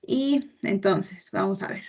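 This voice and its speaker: A young woman giving a medical class presentation, explaining in a measured way with frequent pauses and fillers. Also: mid-range voice, creaky, darkish tone, husky. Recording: muffled lo-fi recording.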